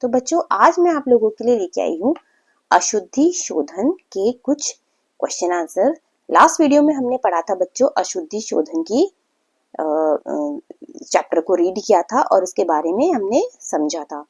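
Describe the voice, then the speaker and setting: A young woman teaching a grammar lesson to children, patient, repeating words slowly and often checking in with the class. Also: mid-range voice, very animated, slightly rough. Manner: frequent "theek hai" check-ins.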